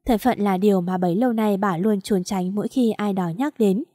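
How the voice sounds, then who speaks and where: Woman narrating a family drama audiobook, steady storytelling, dry close voice. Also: mid-range voice, a little fast, no room sound.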